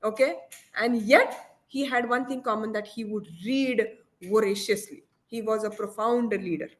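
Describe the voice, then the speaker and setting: A woman giving a motivational talk from home. She switches between English and Hindi, tells stories in an animated way and keeps checking in with her listeners by asking "okay?". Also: fairly high pitch, moderate pace. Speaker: guest speaker.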